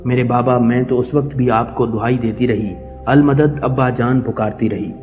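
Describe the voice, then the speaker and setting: A man's voice: medium pitch, steady tone, darkish tone, close to an everyday voice. A man voicing a grieving noblewoman who guards her slain brother and pleads in sorrow, in a reverberant recording with music behind. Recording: long reverb with background music.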